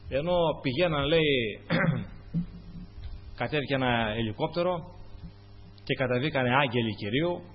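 A man delivers an impassioned sermon in a husky, somewhat high voice. His pitch swings widely between soaring exclamations and quiet asides. The recording is dull and lo-fi. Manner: impassioned preaching, rising to high calls then dropping to murmured asides. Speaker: preacher.

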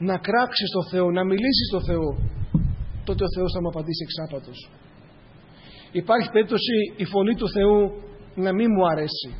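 A man's voice: high-pitched, a little hiss or hum. A man preaching a sermon earnestly, addressing the congregation as brothers in a church hall. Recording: dull, with long hall reverb.

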